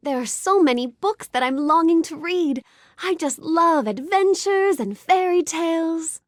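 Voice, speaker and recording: A sweet, high-voiced young storybook heroine for a video game delivers animated dialogue at a measured pace. Her lines swing melodically with bookish curiosity and polite warmth, cheerful and excited, gentle and full of wonder, courteous and expressive. The studio recording is close and dry.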